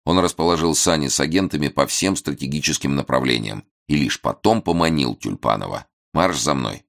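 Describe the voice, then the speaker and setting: Very deep, gravelly male audiobook narrator.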